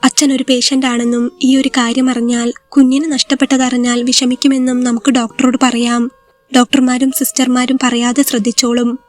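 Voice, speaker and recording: A woman voicing an injured young husband who speaks softly and reassuringly in a spoken story. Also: high voice, level tone, fairly quick, natural voice. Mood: consoling. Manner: soft, reassuring.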